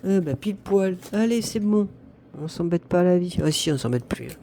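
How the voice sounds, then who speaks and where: Speaking in a lowish, warm voice at a normal pace, this animated budget vlogger is a northern French woman in her fifties. She chats casually to the camera while sorting her budget envelopes and counting out loud, often teasing herself. Slight background noise is audible.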